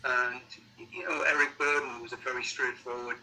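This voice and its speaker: A middle-aged or older man with a Sunderland accent, chatting casually as an interviewed musician, halting and repeating words as he thinks. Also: medium pitch, fairly even intonation, noisy background. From Sunderland, North East England.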